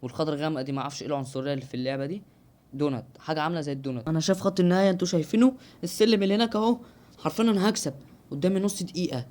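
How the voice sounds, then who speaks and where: A man's voice: a little high, racing, a little mellow. A young man with an Egyptian Arabic accent giving live gameplay commentary, exclaiming and joking to his viewers. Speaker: gaming YouTuber.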